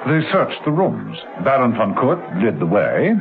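A man's voice: mid-range voice, very animated, a little slow, vocal fry, narrow, tinny audio. A man giving wry scripted narration for an old radio serial, on a vintage recording. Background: loud music.

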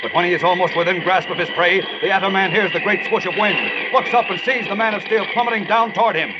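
A man with a high voice delivers dramatic serial narration like an old radio announcer of the 1940s. He is urgent and emphatic, on a dull recording thick with noise. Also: fast talker.

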